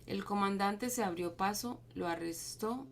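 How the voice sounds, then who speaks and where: A woman reading scripture aloud to a group, steady but with small stumbles and restarts. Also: medium pitch, measured pace, creaky, slight background noise. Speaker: Bible reading leader.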